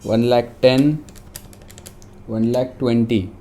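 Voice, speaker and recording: A man's voice: mid-range voice, little pitch movement, slow, warm tone, slight background noise. A man with an Indian accent teaching an online tax lesson, mixing Hindi and English and repeating figures for dictation. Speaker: commerce tutor.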